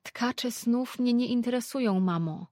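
A woman doing a brisk, guarded young priestess. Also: a little high, warm tone, no echo, studio quality, voice pushed up, close to an everyday voice. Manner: brisk, matter-of-fact.

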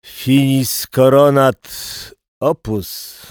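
A self-assured police commissioner with a dry, mocking tone, voiced by a male narrator in an audiobook. He speaks slowly and deliberately. The recording is close and dry. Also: medium pitch, smooth, no echo, natural voice.

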